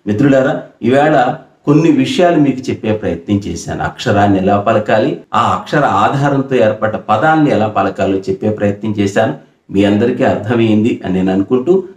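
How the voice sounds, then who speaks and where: A man's voice: lowish voice, lively intonation, normal speed, a little mellow. Earnest male music teacher, roomy echo. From Andhra Pradesh, India. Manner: earnest, explains patiently, sings short demonstration phrases. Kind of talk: pronunciation lesson with sung examples.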